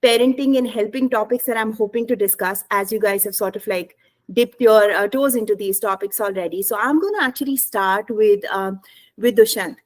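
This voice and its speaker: A woman's voice: mid-range voice, normal speed. A woman hosting an online author panel as publisher, asking questions in a casual, filler-heavy way over a video call.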